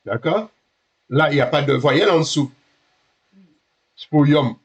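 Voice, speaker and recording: A man with a slightly husky voice, pitched a little high, teaches a beginner Hebrew class. He talks haltingly, often repeating and correcting himself, and keeps checking that his students follow. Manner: patient, checks students understand.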